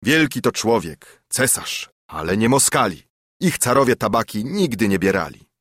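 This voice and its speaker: A man voicing a wily old friar who lectures a crowd in a persuasive, preaching way, husky and low. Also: very animated, moderate pace, a bit bright, no room sound, clean studio sound. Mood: coaxing. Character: wily old male friar, sly storyteller.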